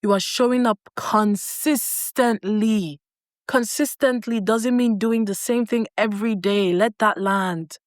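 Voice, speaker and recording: A woman coach talks straight to her viewers in an earnest motivational tone, repeating key phrases slowly for weight. Her voice sits at an ordinary middle pitch. The recording is dry and close, with no room echo. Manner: earnest, slow emphatic repetition. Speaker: self-concept coach.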